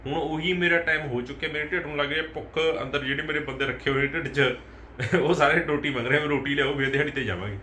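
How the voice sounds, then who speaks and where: A man's voice: a little high, fairly even intonation, fast talker, sharp tone. A man with a Punjabi accent bantering in a casual, jokey household vlog. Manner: teasing, jokey. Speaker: family vlogger. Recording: echoey, faint background noise.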